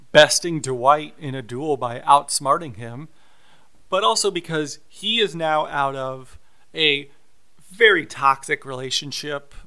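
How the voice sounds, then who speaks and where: A man co-hosting a podcast, talking through a TV episode in a measured, explanatory way. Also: fairly high pitch, bright, forceful tone, smooth. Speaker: podcast co-host. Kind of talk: casual recap chat.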